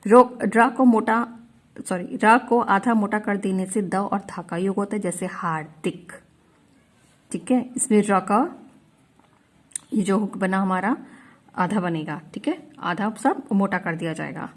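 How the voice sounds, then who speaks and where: A woman teaches a shorthand lesson at an unhurried, deliberate pace, with a pitch that sits in the middle of the range. She walks through each rule patiently and keeps checking that her listeners are following. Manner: slow, patient, often checks in with "ठीक है?". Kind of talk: explaining a lesson step by step.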